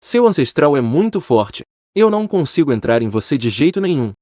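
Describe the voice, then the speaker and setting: A man voicing a scheming, menacing old male monk who speaks in slow, deliberate threats. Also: a little high, very animated, darkish tone, no echo, studio quality.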